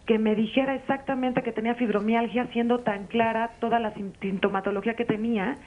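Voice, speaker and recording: A woman's voice: fairly high pitch, a little mellow. A woman, calling in live to a radio show and describing her experience at length, with frequent hesitations. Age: 40s. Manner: long, earnest account with many hesitations. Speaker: caller. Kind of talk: live call-in testimony. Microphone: telephone. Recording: phone line, muffled.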